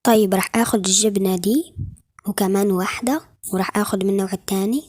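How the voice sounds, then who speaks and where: A woman's voice: medium pitch, fairly even intonation, fast, a little mellow, slightly rough, dry recording, studio quality, close to an everyday voice. A woman with an Egyptian Arabic accent voicing a busy mother giving her daughters orders in a game role-play. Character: busy, caring mother of two girls.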